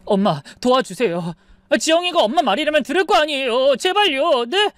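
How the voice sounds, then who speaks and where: A woman voicing a hot-tempered adult son who whines and yells in shrill, petulant outbursts. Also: animated, fairly quick, dry recording, clean studio sound. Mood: pleading.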